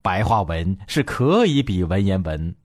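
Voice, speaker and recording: A man voicing a calm, smiling male professor who explains things gently and softly. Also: sits low, unhurried, dry recording, clean studio sound. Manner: gentle, soft-spoken, explanatory.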